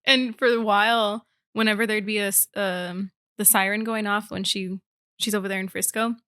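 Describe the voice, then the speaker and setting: A woman's voice: medium pitch, fairly even intonation, moderate pace, fairly bright tone. A young woman co-hosting a podcast in casual chat, telling giggly stories and acting out what people said. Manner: giggly, storytelling with quoted voices. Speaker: podcast co-host.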